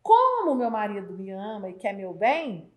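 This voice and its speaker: A woman hosting a casual chat, loud and animated, acting out dialogue as she talks. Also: medium pitch. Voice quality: loud speaking voice. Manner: animated, acts out dialogue with quick voice changes. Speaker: host.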